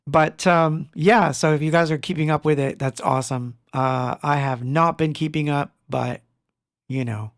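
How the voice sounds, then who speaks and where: A middle-aged man from Argentina hosts a laid-back livestream in his home studio, greeting people in the chat by name, rambling and laughing frequently. He talks at normal speed in a fairly high, steady voice, recorded at studio quality without echo.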